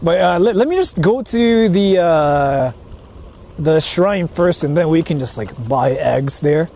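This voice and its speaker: A fairly high, warm voice with lively intonation and an unhurried pace belongs to this Japanese man, whose first language is Japanese. Streaming live as he walks through the countryside, he chats casually, thinks aloud, repeats himself, and throws in exclamations and casual swearing. Vehicles can be heard in the noisy outdoor audio.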